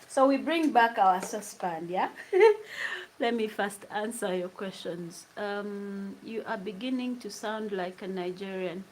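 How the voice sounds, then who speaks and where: A young Ugandan-accented woman vlogs from her home kitchen, cooking while chatting casually and answering live comments by reading viewers' questions aloud. She laughs often and drifts between English and Luganda. Her voice is medium in pitch and unhurried, and the low-quality recording carries a little hiss or hum.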